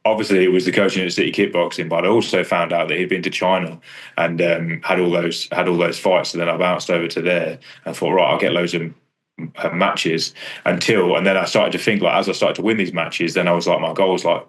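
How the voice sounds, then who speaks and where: This English kickboxer and striking coach has a deep voice and talks briskly and flatly about his career in a casual interview. His manner is rambling, low-key, and self-deprecating.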